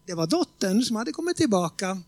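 High-pitched guy preaching, chatty storyteller, keeps asking if you're following, dry close sound. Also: sing-song, darkish tone, no room sound. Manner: conversational, often asks the congregation if they follow; tells stories with quoted voices and emphatic slow stresses. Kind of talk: sermon with storytelling.

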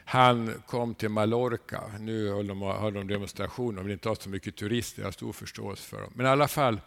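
A man preaching a sermon, animated, asking his listeners rhetorical questions and adding a questioning "eh?" to his lines. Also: fairly low pitch, gravelly. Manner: animated storytelling with sudden rises in volume.

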